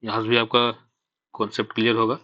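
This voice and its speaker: A man's voice: on the low side, monotone, fast talker, no echo, dull audio. A man teaching a shorthand lesson, patiently explaining step by step and asking himself questions before answering them. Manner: mixes English terms into Hindi. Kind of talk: classroom-style lesson.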